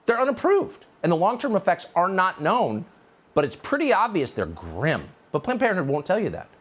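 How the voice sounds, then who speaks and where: A man's voice: wildly swooping pitch, moderate pace. A man hosting a news opinion show, delivering a sardonic, mocking monologue. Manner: sardonic, mocking, swings pitch widely.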